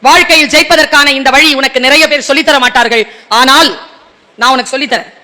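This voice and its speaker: A man with a strikingly high voice delivers a motivational speech to a room of students. His tone is bright and forceful, and he keeps turning to the audience with pointed rhetorical questions, slipping into quick acted dialogues to make his point. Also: fairly even intonation. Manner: rhetorical, quizzes the audience directly; acts out short dialogues in between. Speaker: motivational speaker addressing students.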